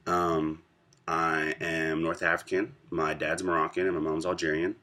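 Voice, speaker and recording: Deep-voiced young man telling a story. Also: level tone, pushed and bright. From United States. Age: 20s. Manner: reflective, pausing often between thoughts. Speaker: vlogger. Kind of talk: casual storytelling to camera.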